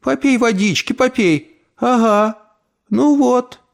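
A man doing a shrill, scolding old woman. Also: slow pace, gravelly, heavily acted. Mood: alarmed. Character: feisty, sharp-tongued old woman.

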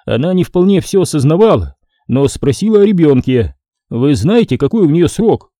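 A calm, brisk male surgeon from an audiobook , put on by a man. He speaks in a matter-of-fact, businesslike way, pitched higher than the reader's own dark voice. The sound is dry and close, with no room around it. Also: no room sound.

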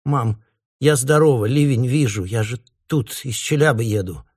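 A man's voice: medium pitch, normal speed, a little mellow, slightly rough, no room sound, studio quality, pitched above the performer's own voice, close to an everyday voice. A man voicing an anxious young woman in her late twenties, pleading with her mother. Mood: evasive. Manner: pleading, urgent.

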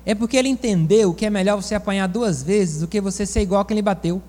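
A man preaching with a high voice that carries into a long, ringing reverb. He tells folksy stories in an animated way and keeps turning to the congregation with asides. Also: fast talker. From Bahia, Brazil. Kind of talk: sermon.

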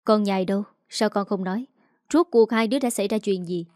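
A woman voicing a distraught middle-aged mother who pleads and shouts in a raised voice. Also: mid-range voice, brisk, dry recording, clean studio sound, natural voice. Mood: anxious.

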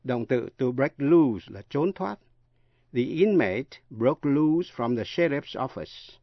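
A man teaching English pronunciation in a radio lesson, spelling words out letter by letter with slow, careful delivery. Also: medium pitch, animated, no room sound, highs cut off.

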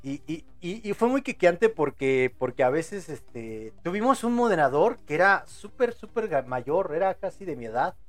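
A man's voice: on the high side, very animated, moderate pace, hardly any pauses, faint music behind. A man in his thirties with a Mexican accent, hosting a casual live podcast, swearing, laughing often and rambling in slang. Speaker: podcast host. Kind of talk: casual live-show chat reading audience posts.

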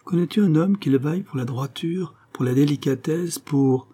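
A man's voice: fairly high pitch, normal speed, dark tone, pitched above the performer's own voice, natural voice. A man reading aloud, voicing an eager, pleading fifteen-year-old girl in a storybook. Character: passionate girl of fifteen, ardent and loving.

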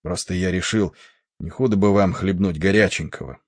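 A man voicing a big, coarse, angry ship's stoker with a rough, defiant, scornful manner, in an audiobook. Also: low voice, moderate pace, no room sound. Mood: gruff.

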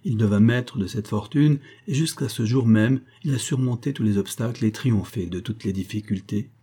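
Man doing a desperate young guy, urgent and accusing, kinda husky dark tone. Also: mid-range voice, normal speed, natural voice. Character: desperate young man confronting his father.

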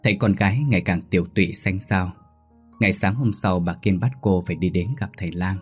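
A man narrating a scripted ghost story in a steady, somber way. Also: low-pitched, a little fast, husky. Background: faint music.

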